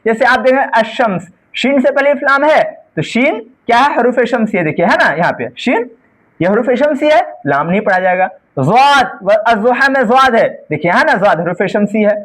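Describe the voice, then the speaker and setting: A woman's voice: a little high, expressive. A woman teacher giving an exam-prep grammar lesson. She asks the class questions, answers them herself, and keeps checking with a "right?". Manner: often adds a checking "right?" tag; spells out letters one by one, slowly.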